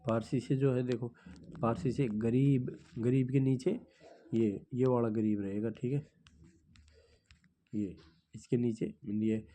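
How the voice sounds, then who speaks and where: A male teacher walks through a grammar lesson at an unhurried pace. His voice is very dark and mellow, and he hums between points and keeps checking in with the class. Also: medium pitch, steady tone, a little hiss or hum. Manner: unhurried, counts items aloud, frequent hums and "theek hai". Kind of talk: slow classroom explanation of grammar.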